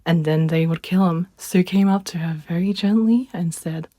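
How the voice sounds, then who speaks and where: A woman reading a children's fairy tale aloud in a gentle, expressive way. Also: on the low side, normal speed, no echo, clean studio sound. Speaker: storyteller.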